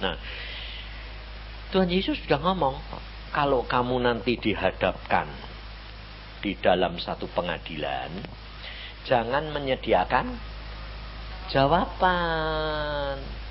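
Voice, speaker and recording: A man's voice: medium pitch, lively intonation, slow pace, long pauses, muffled recording, slight background noise. An older man with a Javanese accent preaching a sermon in a conversational way, full of rhetorical questions. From Central Java, Indonesia.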